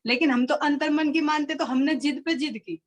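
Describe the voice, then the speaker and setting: A woman with a high voice leads a devotional scripture discussion over a video call. She talks earnestly and repeats quoted pleas several times to press her point. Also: steady tone, moderate pace. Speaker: discussion participant. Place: online group call.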